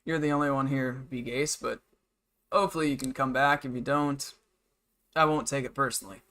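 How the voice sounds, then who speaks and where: In his twenties, this male livestreamer rambles casually on stream, venting about work in a blunt, matter-of-fact manner. His voice is medium-pitched and steady, moving at a moderate pace with a pushed, bright quality.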